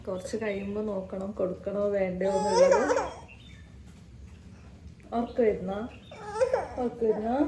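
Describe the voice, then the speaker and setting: A woman's voice: medium pitch, background noise. A mother with a slight cold, speaking in casual baby talk and repeating coaxing, sing-song prompts to her toddler at home.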